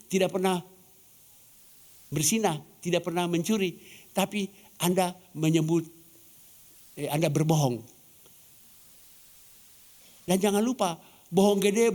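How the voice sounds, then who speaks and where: A man's voice: high-pitched, darkish tone. A man from Ambon, Indonesia preaching a sermon as pastor, asking the congregation questions and acting out quoted dialogue. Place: church.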